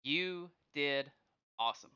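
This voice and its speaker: A man co-hosting a podcast in casual chat, encouraging and quick to give shout-outs. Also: a little high, clear, resonant tone. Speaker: podcast co-host. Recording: dull lo-fi sound.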